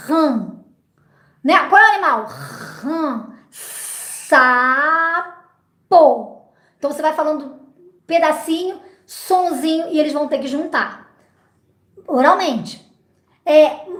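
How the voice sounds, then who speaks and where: Woman, literacy teacher, high voice, echoey room, didactic, many checking fillers. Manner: didactic, frequent "né?" and "então" fillers. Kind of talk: explaining classroom phonics games.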